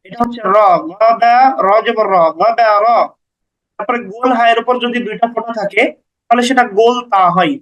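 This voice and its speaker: A man's voice: extremely high pitch, fairly even intonation, moderate pace, a bit bright, lo-fi sound. A man teaching beginners to read the Quran, spelling out each letter and vowel mark syllable by syllable with patient, brief explanations.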